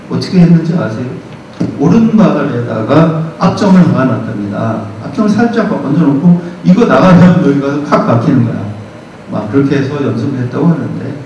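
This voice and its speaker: A middle-aged man lecturing in a conversational way, acting out everyday dialogues for students. His voice is mellow and dark. He was recorded from far off in a very echoey hall, and the sound is muffled. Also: on the high side, slight background noise. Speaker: guest lecturer. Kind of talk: university lecture. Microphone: distant from the recording device.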